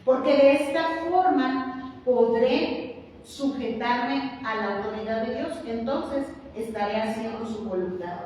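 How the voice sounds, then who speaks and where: Woman preacher, high voice, lively and humorous; echoey church hall, mic far off. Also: a little slow, a little hiss or hum. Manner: lively, humorous, acts out little scenes. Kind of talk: sermon.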